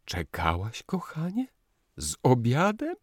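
A touchy, sentimental young husband speaks with tender feeling, read by a man narrating. His voice is low and slightly husky. It moves widely in pitch. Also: big pitch swings, slow pace, no echo, studio quality, exaggerated voice. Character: emotional young husband, quick to anger and tears.

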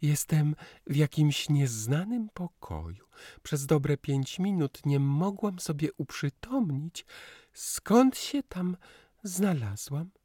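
A man voicing a cheerful, playful young wife who chatters brightly. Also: low-pitched, slow pace, no room sound, studio quality, voice pushed up, heavily acted. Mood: chattering. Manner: chirpy, lively storytelling.

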